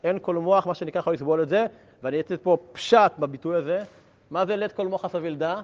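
Male Torah teacher, slightly high voice, animated and joking, dull lo-fi recording. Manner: lively, joking with listeners, rhetorical questions.

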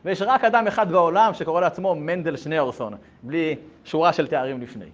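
A man telling a story with drama, acting out the dialogue as he goes, on a dull lo-fi recording. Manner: dramatic, lively, acts out dialogue. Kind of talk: animated storytelling talk. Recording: dull lo-fi recording with faint rumble.

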